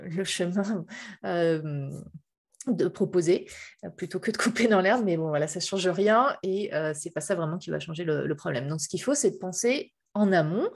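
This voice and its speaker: A woman's voice: lowish voice, a little mellow. A middle-aged woman from Paris giving a public talk over a video call from a hotel room, hesitant and full of fillers and restarts. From Paris, France. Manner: hesitant, many fillers and restarts, light laughs. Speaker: guest speaker on game user experience.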